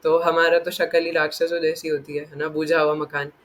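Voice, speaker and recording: A man giving an animated scripture discourse, often asking "right?" and laughing as he explains. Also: a little high, brisk. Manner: animated, acts out quotes, frequent tag questions; playful, laughs while explaining. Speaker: spiritual teacher.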